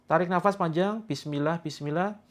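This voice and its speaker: A man's voice: on the high side, normal speed. Man coaching a guided healing session. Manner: instructing, repetitive, coaxing viewers through steps.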